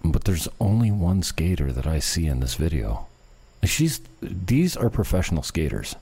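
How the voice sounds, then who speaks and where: Deep-voiced, rambling man, natural unscripted talk. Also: big pitch swings, normal speed, mellow, husky. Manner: rambling, profane. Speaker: online show host. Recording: music playing behind the voice. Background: music.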